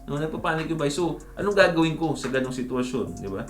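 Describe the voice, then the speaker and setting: A man's voice: on the high side, lively intonation, fast talker. Chatty man giving dating advice in an echoey room. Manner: chatty, peppers talk with tag questions and buddy address; mixes English into his speech. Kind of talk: casual advice monologue. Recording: roomy echo with faint background music.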